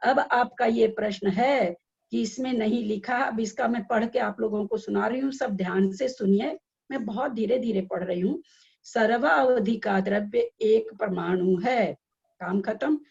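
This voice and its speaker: A woman teaching a scripture class, speaking slowly and repeating sentences so listeners can take notes. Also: on the high side, gravelly, a little mellow, husky, muffled recording. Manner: slow, repeating sentences for note-taking.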